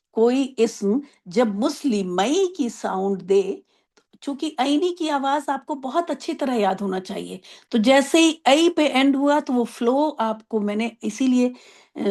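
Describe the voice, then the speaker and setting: A woman teaching an online Arabic grammar class, explaining patiently, asking if everyone follows, and drawing out example words slowly. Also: a little high, darkish tone. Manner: explains patiently, asks checking questions.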